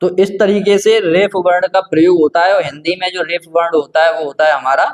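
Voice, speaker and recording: A man's voice: high voice, fairly even intonation, fairly quick. A man teaching a grammar lesson, patient and repetitive, asking himself questions and answering them. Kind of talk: grammar lesson explaining at a board.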